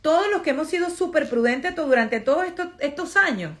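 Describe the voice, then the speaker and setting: She's a vlogger and social media influencer with a Venezuelan accent, delivering a casual get-ready-with-me monologue to followers with emphatic repetition of phrases. Her voice sits high, bright and expressive, and her pace is brisk.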